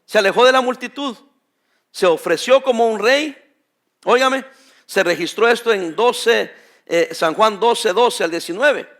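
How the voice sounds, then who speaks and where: A male pastor preaching a sermon, emphatic and addressing the congregation directly as brothers, often pausing so they can finish his phrases. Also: sits high, fairly bright tone.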